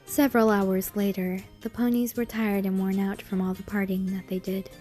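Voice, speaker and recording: Woman, story narrator, mid-range pitch, scripted horror fan fiction reading, music behind. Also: flat delivery, moderate pace, dark tone.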